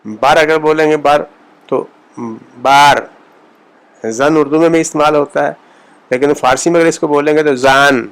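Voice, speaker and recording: A man giving a pronunciation lesson, speaking slowly and repeating example words to model the sounds. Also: fairly high pitch, fairly even intonation, clear, resonant tone, low-quality recording. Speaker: language teacher.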